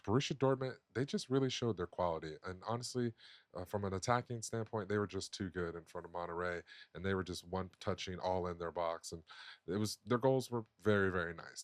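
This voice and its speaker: A man hosting a casual sports podcast, talking in an animated, opinionated way with plenty of fillers and restarts. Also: sits low, dry recording. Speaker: podcast host.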